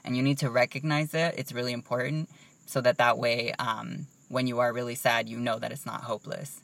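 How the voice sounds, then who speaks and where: A man's voice: medium pitch, level tone, a little fast, creaky, fairly bright tone, no echo, recorded from a distance. A young man in casual chat, rambling and saying "like" a lot. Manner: chatty, rambling, says "like" a lot.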